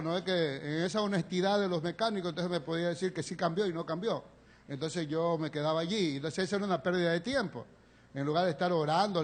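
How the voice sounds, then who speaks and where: Impassioned high-voiced preacher man. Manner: impassioned storytelling preacher, swings between loud pleas and hushed confession. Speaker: pastor. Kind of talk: sermon. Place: church sanctuary, live stream.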